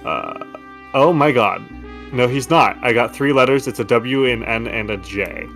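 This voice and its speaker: Relaxed, rambling male game master. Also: medium pitch, measured pace, gravelly, faint music behind. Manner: relaxed, rambling, laughs easily. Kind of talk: narrating a tabletop game.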